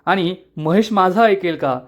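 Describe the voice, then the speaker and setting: A man's voice: high voice, a little slow. Man voicing a flustered timid sister-in-law. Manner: hesitant, flustered.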